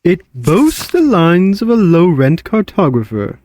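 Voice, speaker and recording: A man voicing a haughty gorilla genius with a deep, breathy voice, handing down slow, pompous verdicts. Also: wildly swooping pitch, darkish tone, exaggerated voice. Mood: scornful. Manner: pompous, slow critical pronouncements.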